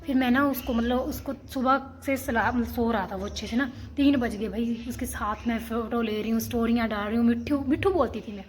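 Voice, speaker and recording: Young female vlogger, chatty and meandering, a touch high-pitched, soft music in the background. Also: brisk, hardly any pauses. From Himachal Pradesh, India. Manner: rambling, chatty, many restarts and fillers. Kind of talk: casual storytelling to camera.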